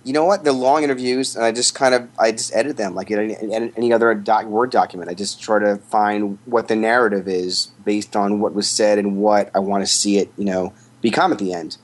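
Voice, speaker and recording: Low-voiced man explaining at length. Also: steady tone, a little fast, few pauses. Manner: rambling, thoughtful explanations. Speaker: guest, photographer. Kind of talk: casual podcast interview.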